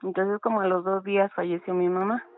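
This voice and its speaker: Halting woman on a tinny phone. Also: mid-range voice, little pitch movement, background noise. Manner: halting, many fillers. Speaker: caller telling a ghost story. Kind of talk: casual phone storytelling.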